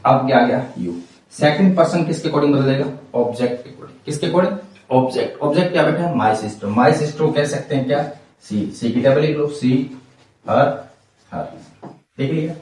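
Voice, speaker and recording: A man's voice: a little high, normal speed, a little mellow. A man with a Hindi accent teaching an English grammar lesson. He explains step by step, repeats each point and keeps quizzing his students, calling them "beta". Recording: echoey room, mic far off.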